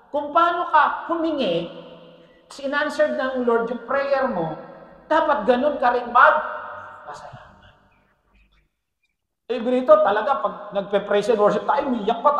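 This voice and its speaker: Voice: mid-range voice, a bit bright. Joking middle-aged preacher in echoey hall. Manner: jokey, keeps asking the congregation "Amen?"; mixes English phrases into speech. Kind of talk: Taglish sermon. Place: church service hall. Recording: echoey hall with long reverb.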